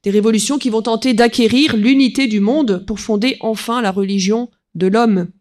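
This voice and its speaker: A woman's voice: fairly high pitch, moderate pace, darkish tone. Hesitant woman giving a history lecture. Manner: hesitant, peppered with "voilà" and "hein", reads quotes aloud.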